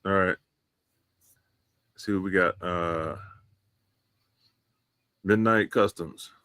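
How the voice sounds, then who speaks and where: A man co-hosting a live survival podcast over a remote call, giving steady, matter-of-fact tips with frequent fillers. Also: sits low, slow, smooth, no echo. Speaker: podcast co-host. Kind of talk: casual live-stream chat. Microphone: remote call connection.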